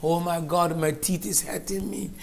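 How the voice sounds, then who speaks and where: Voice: mid-range voice, steady tone, moderate pace, vocal fry, close to an everyday voice. A preacher putting on the voice of a self-pitying jailed man who moans about his misery. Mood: whining. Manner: whiny, mocking complaint.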